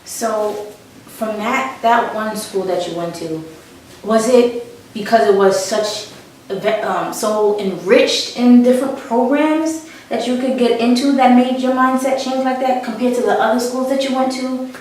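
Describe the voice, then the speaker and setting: A woman's voice: a little high, a little slow, a little mellow. A woman interviewer asking follow-up questions in a casual, encouraging way, with frequent backchannel sounds. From not Philadelphia. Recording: echoey room, mic at a distance.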